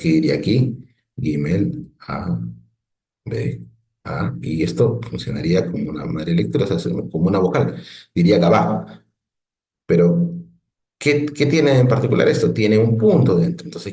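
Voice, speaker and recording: Low, mellow-voiced male teacher. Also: roomy sound. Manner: patient, explanatory, frequent "¿no?" checks and restarts. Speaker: Biblical Hebrew teacher. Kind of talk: online lesson explaining on a screen.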